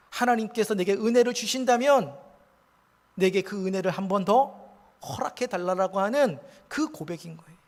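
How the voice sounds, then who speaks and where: A man preaching a sermon as pastor, earnest, swinging between hushed and emphatic delivery. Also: high-pitched. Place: church sanctuary. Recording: long church reverb.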